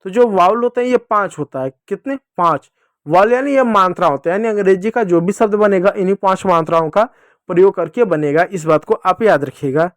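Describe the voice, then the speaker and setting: High-voiced man teaching phonics to children. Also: brisk, dry recording, clean studio sound. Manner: repetitive, asks and answers own questions. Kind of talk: classroom phonics lesson.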